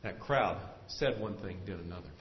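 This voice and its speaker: A man preaching a sermon from the pulpit, earnest and steady, his voice swelling and slowing whenever he drives a point home. His voice rings through a large, echoey church sanctuary. The recording sounds dull and lo-fi. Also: low voice, a little hiss or hum. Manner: earnest preaching, swells louder and slows for emphasis. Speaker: pastor.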